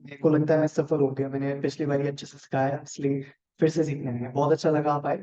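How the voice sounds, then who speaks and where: A man with an Indian accent teaches a live online marketing class, deliberately speaking fast, working through examples and checking in with his students. His voice is a little high, level in tone and mellow. The recording is dull and lo-fi, in an echoey room.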